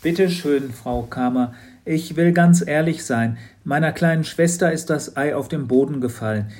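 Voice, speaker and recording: A man's voice: a little high, moderate pace, darkish tone, pitched above the performer's own voice, close to an everyday voice. Man reading a nervous young boy, earnest and pleading, voice lifted.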